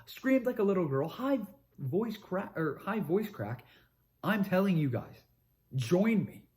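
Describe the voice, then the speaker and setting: A young man hosting a sports talk show, recapping games in an excitable monologue that swings between calm recaps and shouted hype. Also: medium pitch. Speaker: sports podcast host. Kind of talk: energetic sports commentary monologue.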